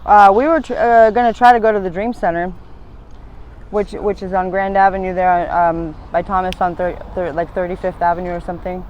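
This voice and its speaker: A woman's voice: fairly low pitch, steady tone, brisk, a little mellow, muffled recording, slight background noise. A woman in her thirties interviewed on a city street, talking in long, hesitant, rambling stretches full of fillers. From United States, born in Latvia. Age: 30s.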